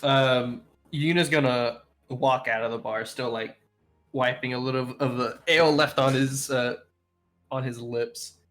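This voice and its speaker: A man's voice: mid-range voice, fairly even intonation, a little slow, fairly bright tone, faint music behind. A man playing a tabletop game, casually describing and voicing his character's actions. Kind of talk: casual improvised role-play chat.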